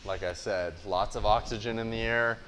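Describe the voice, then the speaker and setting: A young American man with a slightly low voice explains in a blunt, conversational way, like a coach at a whiteboard. He often checks in with the listener, and there is light noise in the gym space around him. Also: steady tone, normal speed, fairly bright tone. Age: young adult. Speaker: fitness coach presenting.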